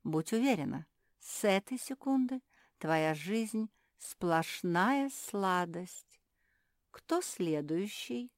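A woman voicing a patient, kindly female fairy who speaks in a calm, gently instructive way. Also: mid-range voice, slow pace, no echo, voice pushed up.

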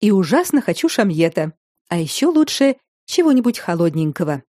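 A woman voicing a bold, playful young noblewoman with a brisk, theatrical manner. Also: medium pitch, very animated, a little mellow, dry recording, clean studio sound.

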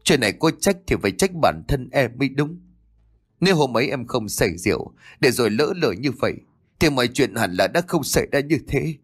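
A man's voice: medium pitch, very animated, a little fast, husky, voice pushed up. A man voicing a remorseful older man who pleads with his elder brother in a choked voice, in a spoken ghost story. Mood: pleading remorse.

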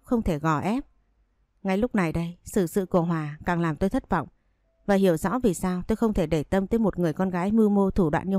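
A woman voicing a stern, blunt grown man in a spoken story, firm and measured. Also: on the low side, darkish tone, no echo, studio quality, lightly acted.

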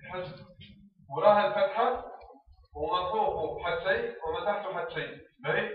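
A man explaining how to teach reading, step by step, acting out teacher and pupil exchanges. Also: on the high side. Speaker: teacher trainer. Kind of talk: instructional talk on teaching reading. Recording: echoey, distant, slightly dull room recording.

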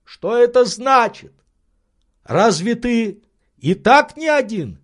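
A man reading an audiobook, voicing an excitable eccentric gentleman who shouts urgent orders. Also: very high-pitched, slow, voice pushed up, heavily acted. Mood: frantic. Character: excitable eccentric gentleman, frantic treasure hunter.

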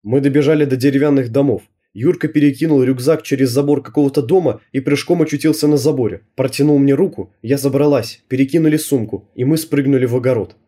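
A man narrating an audiobook in a lively storytelling manner. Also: medium pitch, quick pace, few pauses, breathy edge. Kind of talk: scripted narration.

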